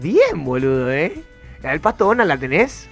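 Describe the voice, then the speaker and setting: A man with a Rioplatense accent hosting a radio show from the studio, loud and excitable, swearing casually. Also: fairly high pitch, measured pace, soft background music. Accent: Rioplatense Spanish. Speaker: radio host.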